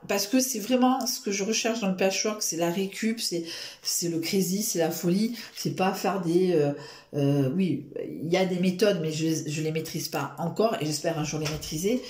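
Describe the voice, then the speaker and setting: A woman's voice: lowish voice, normal speed, darkish tone, echoey room, a little hiss or hum. A woman chatting casually to camera in a rambling, self-mocking way, full of fillers and restarts. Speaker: vlogger.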